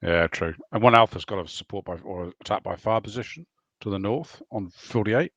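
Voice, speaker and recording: A man's voice: fairly low pitch, moderate pace, a bit bright, no echo, muffled recording. A man chatting casually about tactics over a game headset. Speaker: player.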